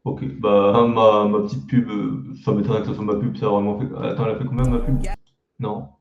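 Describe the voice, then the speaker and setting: A man's voice: lowish voice, little pitch movement, brisk, lo-fi sound. Male reaction YouTuber, teasing and self-deprecating, echoey room. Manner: mocking, crude slang, self-deprecating. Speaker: YouTuber reacting to his old videos. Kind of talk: casual reaction commentary.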